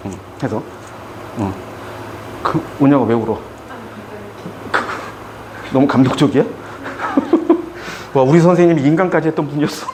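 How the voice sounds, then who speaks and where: A man's voice: mid-range voice, darkish tone, a little hiss or hum. A middle-aged man teaching math to students in a classroom, chatty and joking as he tells stories between explanations. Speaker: math tutor. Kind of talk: lecture with storytelling asides.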